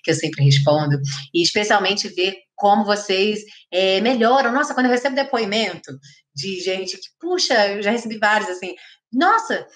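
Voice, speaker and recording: A woman from Brazil teaching a live online English lesson, explaining pronunciation with energy and slowly modeling phrases. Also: medium pitch.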